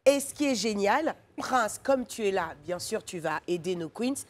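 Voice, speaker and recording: A woman hosting a lively studio game segment in a playful, laughing way. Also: mid-range voice, moderate pace. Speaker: TV show host.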